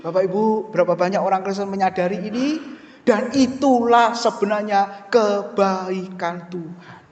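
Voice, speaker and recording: A man, preaching a lively sermon and often turning to address the congregation. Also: high voice, moderate pace, dull audio. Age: 50s. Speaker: pastor. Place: church hall. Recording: echoey hall.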